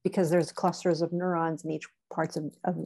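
A woman's voice: on the low side, little pitch movement, fairly quick, dark tone. A woman chatting as a guest on a podcast, talkative and giggly, with lots of ums and likes. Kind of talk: casual conversational interview.

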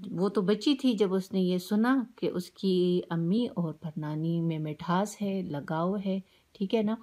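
A woman's voice: fairly low pitch, dark tone. A woman teacher with a Pakistani Urdu accent, reading a story aloud and stopping to explain words with simple synonyms, often checking in with her students. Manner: reads a line, then glosses words with simple synonyms; keeps asking "ٹھیک ہے نا".

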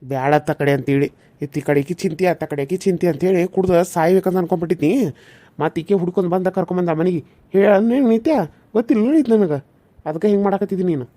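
A woman voicing a gentle young village husband in a cartoon serial, earnest and pleading, with a North Karnataka accent. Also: on the low side, fast, lightly acted. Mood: frustrated. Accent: North Karnataka Kannada.

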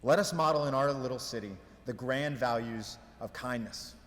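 A man delivering a prepared mayoral speech at a ceremony, in deliberate, emphatic oratory with measured pauses. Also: medium pitch. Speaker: mayor giving an inaugural speech. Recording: reverberant hall, long echo.

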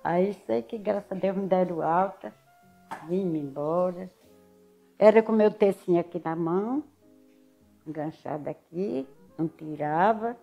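A woman's voice: on the low side, a little slow, creaky, muffled recording, soft background music. An older woman with a Northeastern Brazilian accent from Alagoas, telling her story in a casual interview and acting out what others said. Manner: lively storyteller who acts out other people's words.

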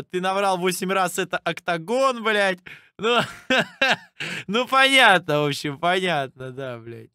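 A man casually commentating on a livestream as a streamer, halting and swearing often, with a teasing streak. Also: high-pitched, bright, forceful tone, smooth, no room sound, studio quality. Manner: halting, profanity-laced, teasing. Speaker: streamer reacting to rap battles. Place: indoor room at a streaming desk.

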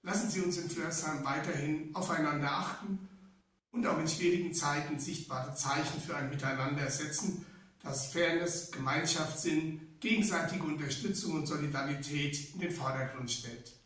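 Male, 60s, town official reading a formal greeting, slightly hoarse, fairly high-pitched, very echoey room. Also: moderate pace, a bit bright. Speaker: town official giving a holiday address. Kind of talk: prepared formal address to citizens. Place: small indoor office room. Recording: echoey room, distant microphone.

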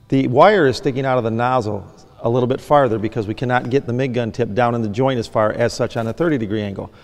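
Man teaching in an echoing workshop. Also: medium pitch. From Michigan. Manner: plain, practical, repeats "actually" often. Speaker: fabrication shop owner demonstrating welding. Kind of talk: instructional demonstration. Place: large indoor workshop.

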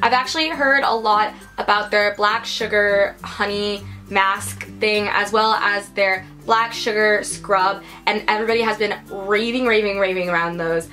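A woman's voice: mid-range voice, fairly even intonation, a little slow, hardly any pauses, sharp tone, faint music behind. A young American woman in her twenties, chatting upbeat to camera in a casual beauty haul, full of "like" and "you guys". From United States. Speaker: beauty vlogger. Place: her room indoors.

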